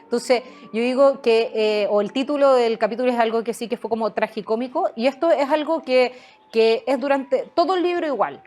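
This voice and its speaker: A woman's voice: fairly high pitch, brisk, a little mellow, soft background music. A woman answering interview questions as a guest author, hesitating often with fillers and restarts.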